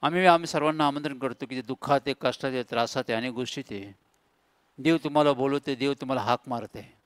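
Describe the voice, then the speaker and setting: A man's voice: mid-range voice, fast, clear, resonant tone, no echo. A middle-aged man, a pastor preaching a sermon in an emphatic, repetitive style with lists and calls to listeners. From India.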